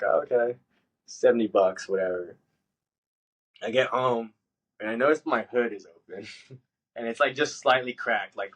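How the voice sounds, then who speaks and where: A man telling a story in casual podcast chat, swearing freely and jumping into high-pitched voices when he quotes himself. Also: fairly bright tone, poor audio. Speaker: podcast host.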